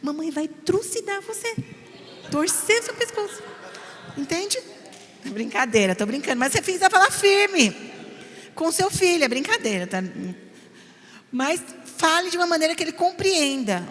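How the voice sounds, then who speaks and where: A middle-aged woman with a São Paulo Brazilian accent leads a parenting class at church. Her voice sits high, and the big hall adds a long ringing tail to her words. She speaks with emphasis, slips in jokes and keeps checking that the listeners follow. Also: fairly bright tone. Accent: Brazilian Portuguese, São Paulo. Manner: emphatic and joking, often checks in with the audience. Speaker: church parenting course teacher.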